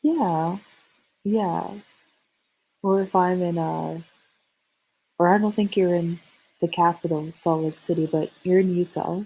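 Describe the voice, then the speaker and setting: American female, husky and very unhurried, halting casual stream conversation, hesitant phrasing. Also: lowish voice, steady tone, warm tone, low-quality recording. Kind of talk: casual chat on a livestream.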